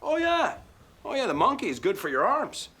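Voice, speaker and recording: A man's voice: very high-pitched, wildly swooping pitch, a little slow, pushed and bright, husky, exaggerated voice. An actor playing a goofy man in a TV comedy sketch, clowning around playfully. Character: goofy man who does animal exercises.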